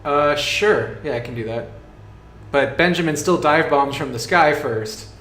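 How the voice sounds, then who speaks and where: A man working as game master, narrating a tabletop game casually and haltingly as he thinks aloud. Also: fairly high pitch, a bit bright. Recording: echoey room, faint music behind.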